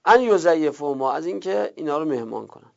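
Man, grammar teacher, drills verb forms slowly, gravelly, muffled lo-fi recording. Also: a little high, expressive. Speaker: teacher of Quranic Arabic grammar. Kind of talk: classroom grammar lesson.

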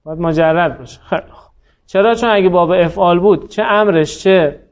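A man's voice: sits high, muffled recording. A man teaching Arabic grammar in a class, quizzing students by name and praising their answers patiently. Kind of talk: classroom lesson, drilling students.

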